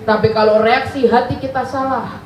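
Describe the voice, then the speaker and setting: A woman's voice: a little high, moderate pace, slight background noise. A woman preaching a sermon, telling stories and asking the congregation questions that she answers herself. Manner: animated storytelling with call-and-response questions. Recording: echoey hall, mic at a distance.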